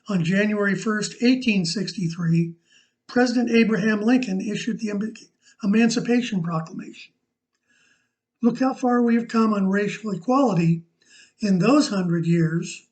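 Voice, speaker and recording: A man's voice: sits high, recorded from a distance, rough recording. Earnest man reading a reflective essay. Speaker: commentator.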